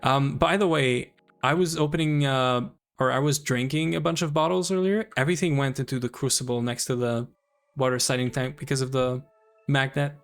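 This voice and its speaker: A Canadian man talks through his gameplay, planning aloud in a loose, chatty way. His voice has a gravelly edge and sits in a middle pitch. Soft music plays underneath. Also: fairly even intonation, moderate pace. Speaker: streamer. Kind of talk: casual gaming commentary.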